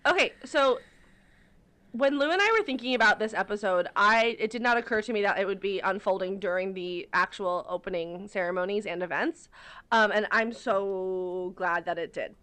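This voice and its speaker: A woman co-hosting a podcast in casual chat, animated and joking, with rhetorical questions. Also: mid-range voice, normal speed. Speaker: podcast co-host.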